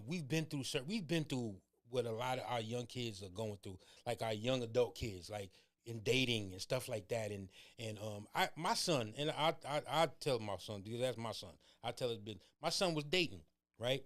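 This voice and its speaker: A man co-hosting a casual faith talk show, speaking with an emphatic, animated preaching cadence. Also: mid-range voice. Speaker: co-host.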